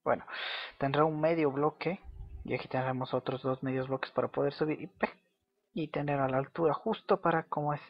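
A man giving casual gameplay commentary as a video host, chatting to himself and repeating words in quick bursts while he plays. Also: fairly high pitch, steady tone. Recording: slightly dull lo-fi audio with faint music.

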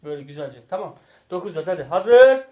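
The man behind this family vlog, a father and host, keeps things light by teasing, reading off game scores, and laughing in bursts. His high-sitting voice has lively intonation and a normal speed.

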